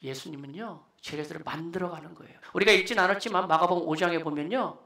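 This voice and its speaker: A male pastor preaching a sermon in a church, emphatic and exhorting, at times dropping into quiet asides. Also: a little high, fast talker, gravelly. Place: church sanctuary. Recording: echoey church hall.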